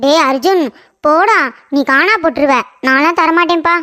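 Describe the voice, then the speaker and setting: A woman's voice: very high-pitched, normal speed, bright, forceful tone. A woman voicing a young boy in a cartoon story who whines and cries over his ball. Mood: bossy. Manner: whining, tearful.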